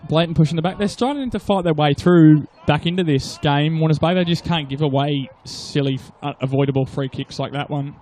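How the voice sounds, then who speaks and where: A man's voice: a little high, a little fast, few pauses, darkish tone. A man with an Australian accent adding brief remarks as co-commentator on a live football broadcast. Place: outdoor commentary box at a football oval. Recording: clear outdoor background noise at ground.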